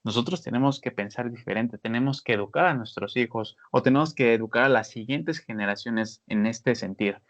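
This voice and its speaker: A man giving casual advice on a podcast, animated, with many fillers. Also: mid-range voice, a little fast, few pauses. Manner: animated, many fillers, acts out scolding voices. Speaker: podcast panelist. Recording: dull lo-fi sound.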